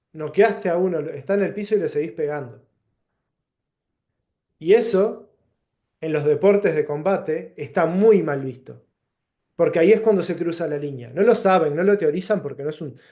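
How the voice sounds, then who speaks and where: Rioplatense male lecturer, mellow tone, a bit high-pitched, reflective, pauses and restarts mid-thought. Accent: Rioplatense Spanish. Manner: thoughtful, pauses and restarts, gives plain examples. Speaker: teacher.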